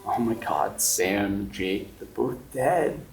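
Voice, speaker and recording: A man's voice: lowish voice, animated, slow, soft background music. A man voicing a distraught young woman investigator who stammers and blames herself. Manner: stammering, panicked, self-blaming. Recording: roomy echo, distant mic.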